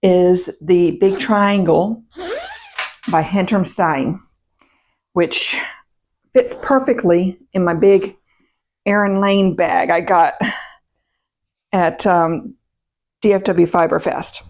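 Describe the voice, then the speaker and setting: A woman chatting casually to her camera as a vlog host, her voice still a little rough in the morning, meandering with fillers and self-corrections. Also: fairly low pitch, slow, pauses often, a little mellow. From United States. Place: home, indoors. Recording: dull, muffled sound.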